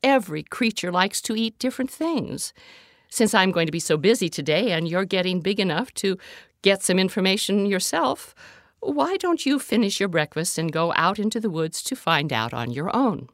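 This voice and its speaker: Caring mother frog, instructive and motherly, lively storybook voice , read by a woman. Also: mid-range voice, moderate pace, no echo, clean studio sound.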